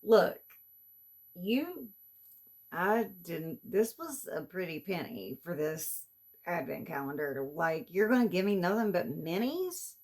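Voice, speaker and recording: A woman's voice: on the low side, sing-song, slow pace, darkish tone. A woman vlogger, chatting casually through an unboxing, exasperated and complaining as she goes. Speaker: beauty vlogger.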